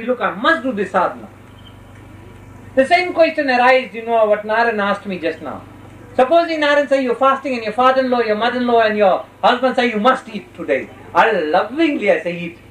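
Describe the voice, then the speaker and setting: A spiritual teacher giving a religious discourse with parables, speaking instructively and slowly in short phrases with deliberate pauses. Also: medium pitch. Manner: instructive, checks listeners' understanding. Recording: roomy, distant mic with faint noise.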